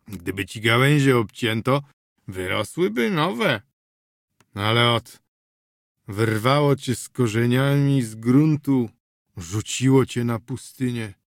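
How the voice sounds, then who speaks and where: A man's voice: medium pitch, no room sound, clean studio sound. A man doing a slurring, rambling drunk.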